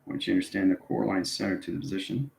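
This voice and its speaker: His voice is low and a little mellow with some vocal fry, and he moves at a quick pace over slight background noise. The spiritual channel host improvises an esoteric lecture, repeating instructions and checking in with tags like "okay" and "right." Sound is roomy and echoey.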